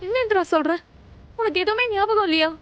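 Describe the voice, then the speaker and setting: An actress playing an anxious young wife who pleads tearfully, over TV drama music. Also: female voice, very high voice, fast, dull audio, a little hiss or hum. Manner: anxious, pleading, near tears. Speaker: Kavya, elder sister-in-law. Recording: TV drama with loud background music.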